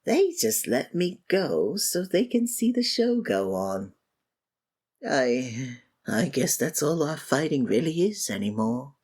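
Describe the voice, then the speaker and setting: In a scripted ASMR audio drama, a woman plays a weary yet theatrical supervillain giving a grand, sarcastic, taunting monologue to a captive rival. Her low, husky, a little mellow voice moves slowly, with big pitch swings and heavy acting. The mood is dawning and deflated.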